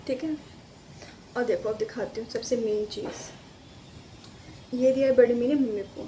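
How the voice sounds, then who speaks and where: A woman's voice: on the high side, mellow, a little hiss or hum. A woman chatting casually to her viewers in an unboxing vlog, rambling and speaking to them directly from a room at home. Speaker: vlogger.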